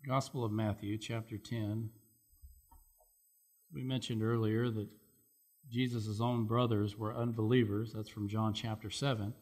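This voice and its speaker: A man preaching a sermon, earnest and plain-spoken, with fillers, who swells louder and higher to stress points. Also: flat delivery, a little slow, long pauses. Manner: earnest, loud rising emphasis with many fillers.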